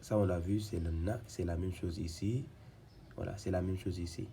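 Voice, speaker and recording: A man with a fairly low voice walks learners through a reading lesson one syllable at a time. He repeats each sound patiently and often stops and restarts mid-sentence, with a faint noise in the background. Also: fairly even intonation, gravelly, warm tone. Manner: patient, repetitive, spells out syllables slowly; frequent hesitations and restarts. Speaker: Quran reading teacher.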